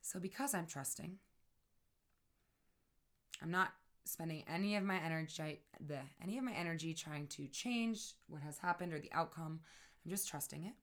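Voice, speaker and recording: Woman, deep low voice, soft earnest delivery, hushed near-whisper at times, reflective personal monologue. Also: animated, normal speed. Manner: keeps checking in with "right?". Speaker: person sharing her grief process.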